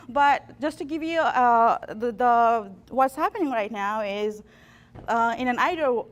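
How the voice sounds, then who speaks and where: A woman, an extension plant pathologist from Nepal giving a workshop talk with dry self-deprecating humor and frequent restarts. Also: fairly high pitch. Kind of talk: workshop presentation.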